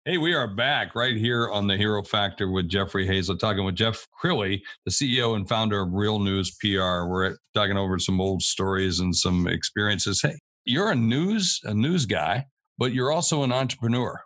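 A male radio host with a bright, forceful, fairly low voice steers an interview and jumps in with quick remarks. The sound is close and dry. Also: no room sound. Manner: quick interjecting backchannel, brisk.

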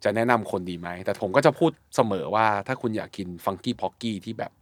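A man in a casual podcast chat, blunt and animated, swearing lightly and acting out his own reactions. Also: lowish voice, a little fast. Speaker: guest food reviewer.

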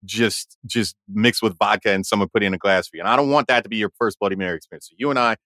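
A man's voice: on the low side, rapid-fire, no echo, clean studio sound. A man co-hosting a podcast in casual chat, telling stories with lots of laughter and repeated words. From Haiti. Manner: animated storyteller, laughs often, repeats words. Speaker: podcast co-host.

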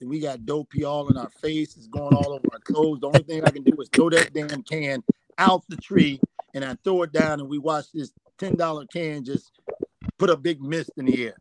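A middle-aged man appears as a guest and tells rambling hunting anecdotes, often repeating "I said." His voice is a little high, and the recording is low quality.

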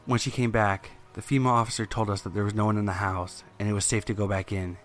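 A man narrates a scary first-person story in a low voice. His delivery is scripted, measured and suspenseful, with music playing underneath. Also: level tone.

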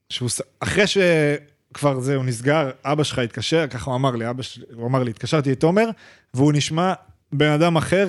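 Fast-chatting young man on a podcast. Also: mid-range voice. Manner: rapid, animated retelling full of restarts and slang. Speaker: podcast co-host. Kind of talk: casual chat, storytelling.

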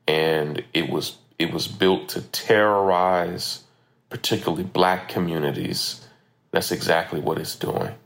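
An American man hosting a podcast, speaking emphatic, impassioned commentary informally, recorded roughly on a phone voice memo. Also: unhurried, a bit bright. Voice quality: gravelly, creaky low voice. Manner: emphatic, repeats phrases for stress. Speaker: podcast host.

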